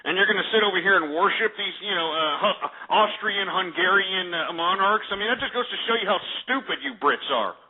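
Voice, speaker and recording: This US call-in show host has a high-pitched, animated voice and speaks briskly with hardly a pause. Argumentative and blustering, he mocks and interrupts as he rants. The sound comes through thin and phone-like, as internet radio often does.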